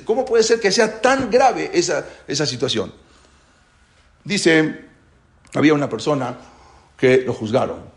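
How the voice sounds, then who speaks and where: A man teaching a religious class, talking in an animated way and asking rhetorical questions. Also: a little high, a little slow, vocal fry, long pauses. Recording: roomy echo.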